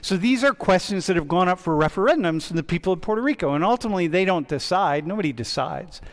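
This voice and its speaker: A man's voice: high voice, animated, fast. Chatty male professor in a reverberant hall. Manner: chatty, interrupts himself often. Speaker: university professor. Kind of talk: casual classroom discussion. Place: large lecture hall. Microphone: wireless mic.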